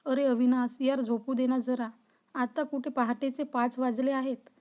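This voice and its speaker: A woman reading the lines of a sleepy, annoyed young man who grumbles at his friend, in a high, even voice. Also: moderate pace, lightly acted. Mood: grumpy.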